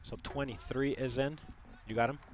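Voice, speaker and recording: A man's voice: medium pitch, fairly even intonation, normal speed, a little hiss or hum. A man doing live play-by-play commentary, chatty and partisan, joking with listeners as the action unfolds.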